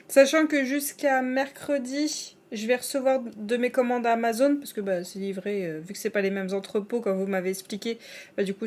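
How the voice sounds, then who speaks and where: A woman's voice: medium pitch, a little mellow. A woman chatting casually on a live stream, talking to her viewers with lots of fillers and restarts.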